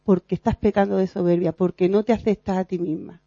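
A woman preaches informally to her fellow believers. Her voice is mellow and warm, and her delivery is earnest and lively. The recording is dry and slightly dull, like a low-fi capture. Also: fairly quick, no echo. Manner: earnest and animated, acts out quoted voices, laughs at herself. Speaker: lay preacher in a prayer meeting. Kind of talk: informal sermon.

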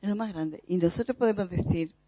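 A preacher from gives a reflective spiritual teaching, speaking thoughtfully with pauses and soft repetitions. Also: medium pitch, no echo. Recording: dull, dry lo-fi recording.

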